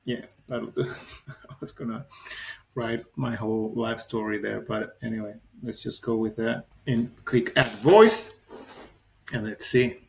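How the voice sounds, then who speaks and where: A man in his forties with a soft Venezuelan accent, talking casually through a software tutorial and thinking aloud as he clicks. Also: mid-range voice, unhurried, vocal fry, a little hiss or hum. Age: 40s. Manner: chatty, laughs easily, thinks aloud while clicking. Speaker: YouTube tutorial host. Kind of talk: casual screen-recorded tutorial.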